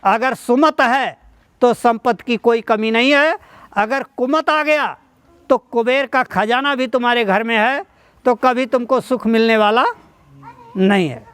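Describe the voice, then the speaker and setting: A male preacher delivers a devotional sermon that builds into a village parable. His pace is slow and unhurried, and his voice is smooth and dry, recorded close. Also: extremely high pitch, a bit bright, no room sound. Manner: didactic, quotes verses, addresses devotees. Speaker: satsang preacher.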